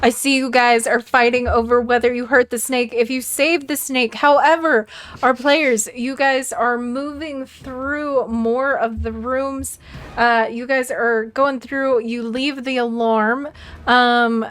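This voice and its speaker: A woman narrates a tabletop game as its game master, speaking slowly and easily. Her voice sits a little high, and she keeps a loose, chatty tone with frequent laughter. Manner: relaxed, chatty, laughs often.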